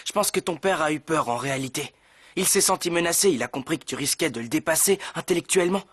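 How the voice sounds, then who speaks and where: An actor playing an earnest, romantic young gentleman in a dubbed telenovela. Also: on the high side, animated, fast, husky, no room sound, clean studio sound. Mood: calm, probing. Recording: loud music behind the voice.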